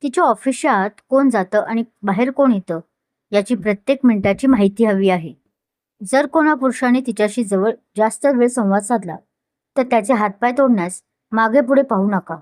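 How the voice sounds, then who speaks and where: A woman's voice: a little high, normal speed, a little mellow, no echo, natural voice. A woman voicing a possessive, hot-tempered young man with a commanding, intense manner, in a dry close recording. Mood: cold, controlling.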